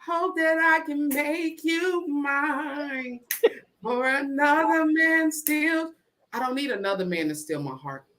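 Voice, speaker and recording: Speaking slowly with a fairly bright tone, a deep-voiced woman gives a motivational spoken-word address. Her preaching has a rhythmic, repetitive cadence, and she calls out to the audience.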